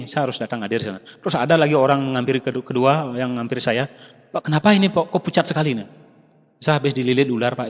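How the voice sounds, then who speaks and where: A man giving an emotional testimonial at a business seminar, acting out the voices of the people in his story and speaking to the audience as ladies and gentlemen. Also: mid-range voice. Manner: animated, acts out dialogue, addresses audience as Bapak Ibu. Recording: long hall reverb.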